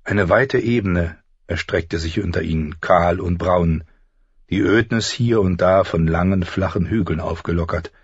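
A man narrating an audiobook in an expressive storytelling manner. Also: sits low, measured pace, slightly rough, dry recording, lo-fi sound. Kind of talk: scripted narration.

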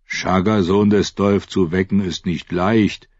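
A man's voice: sits low, steady tone, takes it slowly, a little mellow, no room sound, muffled recording. A man voicing a huge, proud clansman who talks bluntly about himself in the third person. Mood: grumbling.

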